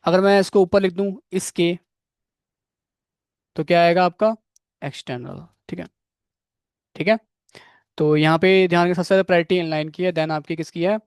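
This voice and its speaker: Speaking at a moderate pace with long pauses, a high-pitched man keeps a steady, clean tone in a dry, clean studio recording. The programming instructor is giving a live web development coding lecture, often asking his students questions and saying "ठीक है". He acknowledges having trouble with a technical word.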